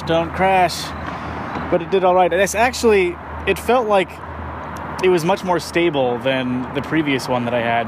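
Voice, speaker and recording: A man's voice: on the high side, noisy background. A man vlogging in a chatty, curious and playful way. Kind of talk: casual vlog chat.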